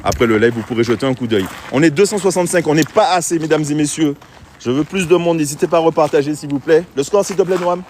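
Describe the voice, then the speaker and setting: A man's voice: on the high side, quick pace, a little mellow. Guy doing live boules commentary outside, chatty, faint traffic behind. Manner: chatty, addresses viewers directly. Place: outdoors at a pétanque ground. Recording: faint street noise outdoors.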